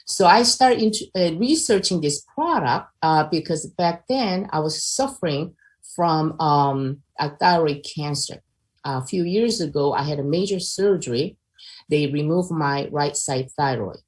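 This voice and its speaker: An older woman from South Korea, speaking with a Korean accent in a low voice at a measured pace, presents a personal testimony over a video call. Her talk is chatty and full of fillers.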